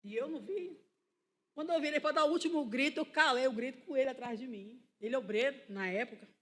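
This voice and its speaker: A woman missionary preacher with a Brazilian Portuguese accent, giving an impassioned church sermon and telling her own story, shifting between loud cries and quiet asides. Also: high voice, fast. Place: church hall.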